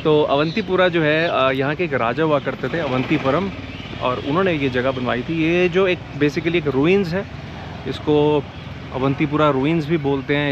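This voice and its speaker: Filming himself at outdoor ruins with a handheld camera at arm's length, this forties-aged man has a slightly high voice and keeps sprinkling English into his chatty Hindi, with frequent "yaar." The sound is lo-fi with background noise.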